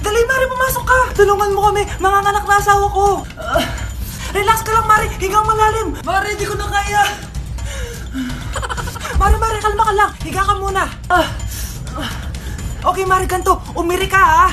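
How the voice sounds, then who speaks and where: A very high-voiced woman acting out every part in short comic skits. She shrieks and exaggerates each role. Her voice sounds roomy and echoey, with background music playing underneath. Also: fairly even intonation, moderate pace. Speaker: comedy skit creator.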